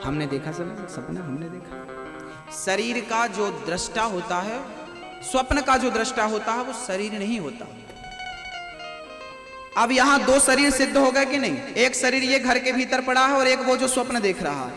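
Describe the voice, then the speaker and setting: A man giving a devotional sermon to a live audience, asking them questions and slowly reciting verses. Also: extremely high pitch. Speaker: spiritual preacher. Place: large hall with live audience. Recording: echoey hall recording with music.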